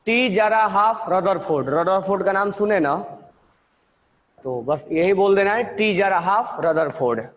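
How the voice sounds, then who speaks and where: Slow high-voiced male chemistry teacher. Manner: slow, repeating element names for students to copy. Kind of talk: classroom lecture. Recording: long hall reverb.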